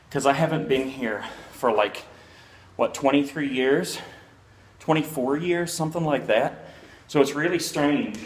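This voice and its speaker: A man, telling candid stories in a casual vlog while walking outdoors. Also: medium pitch. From Ohio, USA. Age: 40s. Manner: candid, rambling, with many fillers. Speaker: vlogger. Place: outdoors, walking through a neighborhood near a park.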